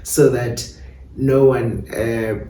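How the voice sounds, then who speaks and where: In a roomy space, a South African playwright-director talks reflectively in an interview, alternating English and Xhosa. He has a mellow, steady, mid-range voice and draws out his words, picked up by a distant mic over faint background noise.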